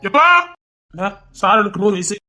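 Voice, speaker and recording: A woman's voice: medium pitch, expressive, normal speed, sharp tone, soft background music. A woman playing a husband who coaxes and placates his wife in a family comedy skit. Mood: placating.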